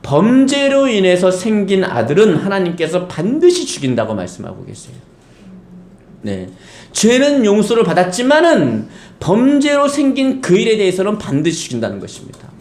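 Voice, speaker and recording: A man's voice: sits high, wildly swooping pitch, moderate pace, darkish tone. A man preaching a Sunday sermon in a church, emphatic and asking the congregation rhetorical questions. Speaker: pastor. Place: church sanctuary. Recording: echoey church hall.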